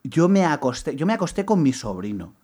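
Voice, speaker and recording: A young man co-hosting a podcast, telling a story in casual chat with lots of restarts and lively retelling. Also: on the high side, fairly quick. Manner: rambling, many restarts, animated retelling. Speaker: podcast co-host.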